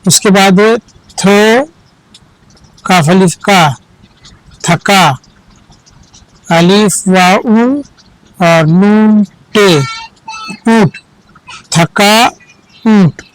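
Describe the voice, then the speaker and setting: A man's voice: high voice, drawn-out words, long pauses, smooth, rough recording. A man teaching children to read Urdu, spelling out each word letter by letter, repeating it and correcting common misreadings. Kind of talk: slow spelled-out reading lesson for children.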